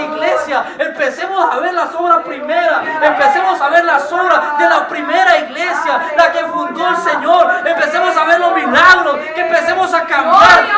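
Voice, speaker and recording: A man preaching a church sermon, moving between hushed pleading and shouted exhortation. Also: extremely high pitch, distant mic. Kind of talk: Spanish-language church sermon. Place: church sanctuary with congregation. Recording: echoey church recorded from afar.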